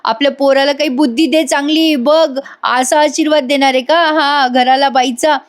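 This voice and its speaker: A woman voicing an elderly father who scolds and shouts at his son in a retold serial scene. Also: high voice, fairly even intonation, moderate pace, voice pushed up, natural voice. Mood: scolding. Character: elderly father, stern, tearful, quick to anger.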